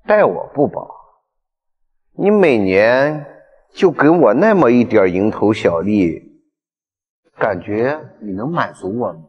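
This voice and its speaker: A greedy, resentful betrayer in a short drama. His husky voice taunts slowly, with big swings of pitch, in a reverberant hall. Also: lively intonation, dull audio. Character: resentful greedy male betrayer, once a trusted employee.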